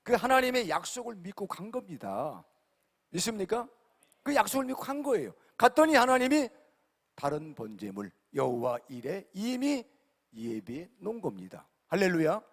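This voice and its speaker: A male pastor preaching an emphatic sermon, repeatedly questioning his congregation and swinging between loud and quiet. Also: high-pitched, sing-song, normal speed. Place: large church sanctuary. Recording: long hall reverb.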